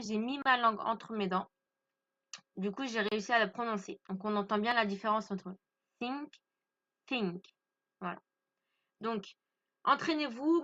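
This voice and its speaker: A woman's voice: mid-range voice, fairly bright tone, lo-fi sound. A woman from France teaching English grammar to French speakers, patiently stressing pronunciation and repeating each point.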